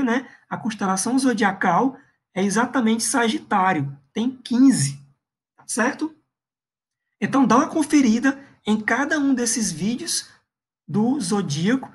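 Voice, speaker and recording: A Brazilian Portuguese-accented woman presenting an astronomy lesson over slides, often tagging her sentences with quick check-ins to the viewer. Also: on the high side. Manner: adds frequent checking tags like "tá bem?". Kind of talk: explaining slides in an online lesson.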